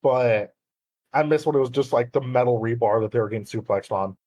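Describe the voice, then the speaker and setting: A man's voice: medium pitch, a little fast, a little mellow, no echo, rough recording. A man co-hosting a podcast in casual chat, rambling with many fillers and restarts. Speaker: podcast co-host.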